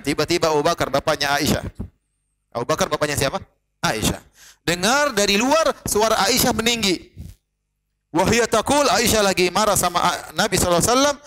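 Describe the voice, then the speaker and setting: A man giving a religious lecture as a preacher, telling stories lively, quoting Arabic and joking with the audience. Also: high voice. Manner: lively storytelling, quotes Arabic, jokes with audience.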